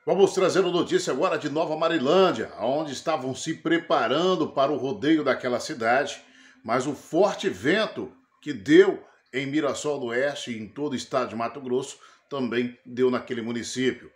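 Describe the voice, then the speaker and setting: A man's voice: medium pitch, normal speed. A middle-aged Brazilian man presenting a news report to camera. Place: small indoor studio with backdrop. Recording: roomy, echoing studio sound.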